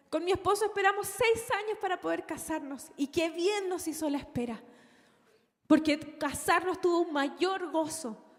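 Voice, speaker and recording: A woman's voice: very high-pitched, in a large hall. A young woman preaching a sermon, telling a personal story earnestly and addressing the congregation as brothers.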